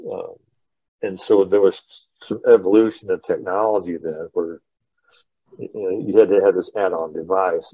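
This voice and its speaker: Deep and slightly rough, this middle-aged male podcast host chats casually over an online call, drifting through loose, reminiscing anecdotes. There's no room sound, though the call audio is dull and lo-fi.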